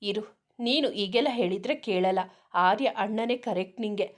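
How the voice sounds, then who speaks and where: A woman voicing a lively young girl who comforts her friend quickly and eagerly in a narrated story. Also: medium pitch, lightly acted. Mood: eager, comforting.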